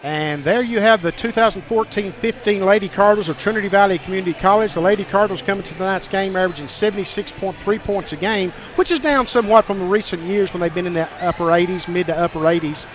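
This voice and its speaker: High-voiced basketball announcer. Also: male voice, quick pace, hardly any pauses. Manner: formal, stat-heavy broadcaster delivery. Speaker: play-by-play announcer. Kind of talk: college basketball webcast commentary.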